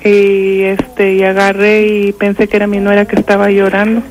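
An older woman with a Mexican accent calls in to a radio show to tell a ghost story, stumbling through it haltingly with many fillers and restarts. She speaks at a medium pitch in a monotone, with background noise behind her.

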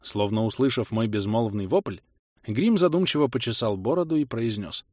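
A man's voice: mid-range voice, animated, moderate pace, darkish tone, no room sound, studio quality. A man narrating a first-person audiobook in a wry, ironic storytelling manner.

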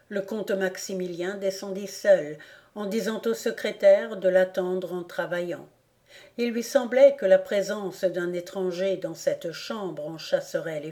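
A woman narrates an old novel in a measured, even storytelling manner. Her pace is slow and deliberate, and her voice has a dark, mellow tone. It is an audiobook reading. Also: mid-range voice. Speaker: audiobook reader. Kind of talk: scripted narration of a classic novel.

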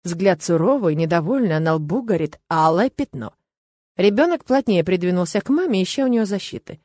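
A woman narrating an audiobook in an even storytelling manner. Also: on the low side, a little fast, dry recording. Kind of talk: scripted narration.

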